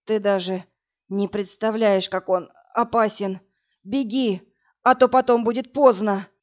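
A weak, hoarse young man gasps out slow, halting words near death, voiced by a woman reading a storybook. The speech is breathy and dragging. The recording is dull and lo-fi. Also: medium pitch, fairly even intonation, darkish tone, lightly acted. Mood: dying, urgent. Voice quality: hoarse, whispering.

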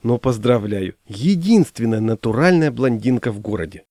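A man's voice: mid-range voice, expressive, moderate pace, warm tone, no echo, clean studio sound, close to an everyday voice. A man voicing a cheerful gossipy woman. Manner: playful, gossipy.

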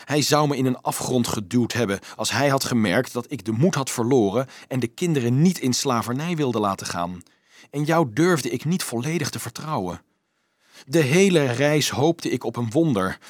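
A man's voice: medium pitch, expressive, normal speed, no echo, clean studio sound, close to an everyday voice. A man doing a frightened, guilt-ridden man pleading. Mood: confessing. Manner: anxious, pleading, voice rising.

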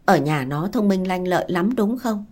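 A woman voicing a brisk, persuasive middle-aged woman arranging a paid marriage. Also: on the low side, animated, a little mellow.

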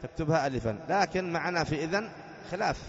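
Sheikh teaching grammar, echoey lo-fi hall. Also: male voice, a little high, animated, slight background noise. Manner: explains patiently, quizzing students with rhetorical questions; slow sing-song chant when reading the text aloud. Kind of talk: classroom lesson reading and explaining a grammar text. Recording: dull lo-fi lecture recording in a reverberant hall.

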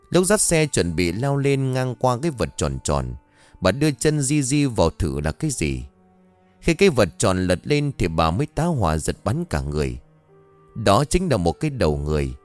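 A man narrating a scripted horror story in a dramatic, expressive telling. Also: lowish voice.

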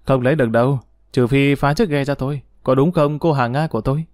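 A man's voice: mid-range voice, fast, darkish tone, no echo, studio quality, natural voice. A man voicing a confident, jovial young hero who speaks with an assured, persuasive manner in an audiobook story.

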